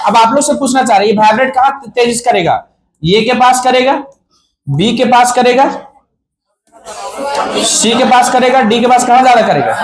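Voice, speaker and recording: A man teaching a physics class, asking the students questions, answering them himself and joking with them. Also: very high-pitched. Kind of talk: classroom lecture. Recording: echoey classroom with student crowd.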